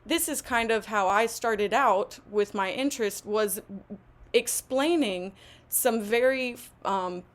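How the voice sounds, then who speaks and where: A woman hosting a live online English lesson, speaking slowly and deliberately to learners. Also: a little high. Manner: slow, deliberate, encouraging speech.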